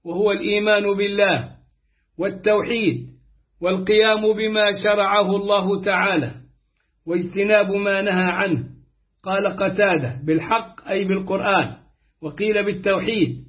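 A man reading aloud a classical Quran commentary in a steady, formal manner. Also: high voice. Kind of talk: measured reading of classical tafsir. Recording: dull lo-fi recording.

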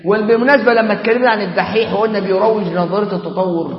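High-voiced Egyptian preacher in echoing mosque. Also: male voice, racing. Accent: Egyptian Arabic. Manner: animated, rhetorical questions, colloquial asides. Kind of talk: colloquial mosque sermon. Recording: echoey hall, dull lo-fi sound.

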